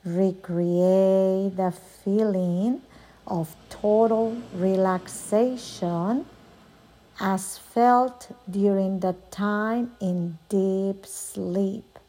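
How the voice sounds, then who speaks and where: A woman softly and soothingly guiding a yoga nidra relaxation as the instructor, leaving long pauses between phrases. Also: medium pitch, fairly even intonation, rough recording. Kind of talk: guided relaxation meditation.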